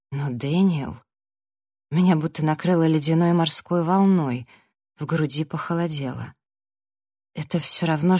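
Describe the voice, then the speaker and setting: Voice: mid-range voice, a little mellow, no echo, studio quality. An audiobook narrator reading a novel in the first person.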